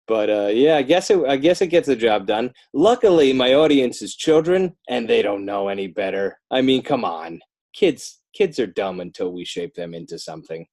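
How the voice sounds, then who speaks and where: Here's a mid-range, darkish male voice belonging to an author and illustrator from northern New Jersey. Appearing as a podcast guest, the American makes casual conversation, wandering off topic and joking at his own expense.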